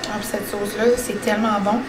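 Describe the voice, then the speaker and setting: A woman with a Quebec French accent chatting casually at home for her vlog, excitable and dropping English words into her talk. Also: medium pitch, fast talker, noisy background. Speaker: vlogger. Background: background music.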